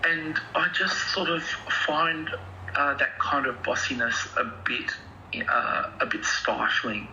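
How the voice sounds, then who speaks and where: A man playing a soft-spoken anxious patient. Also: fairly high pitch, takes it slowly, highs cut off, slight background noise, heavily acted. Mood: earnest. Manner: softly spoken, hesitant, meandering. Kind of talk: improvised comedy dialogue.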